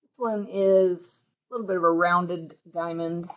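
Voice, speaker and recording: A woman's voice: lowish voice, fairly even intonation, measured pace, a bit bright. Bubbly woman co-host, describes products, slightly dull livestream sound. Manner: bubbly, coos over cute items. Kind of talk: casual product showcase livestream.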